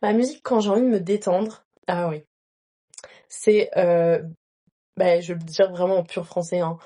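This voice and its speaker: A woman's voice: lowish voice, steady tone, moderate pace, warm tone. Chatty young woman co-hosting. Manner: chatty, trailing off with fillers. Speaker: podcast co-host. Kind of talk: casual chat.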